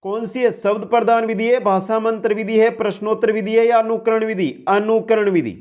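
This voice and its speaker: A man teaching an online exam-prep lesson, briskly reading each question, restating it and calling out the correct option while addressing listeners as friends. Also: high voice, fairly even intonation, darkish tone. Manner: brisk quiz-answering, repeats the question then gives the answer.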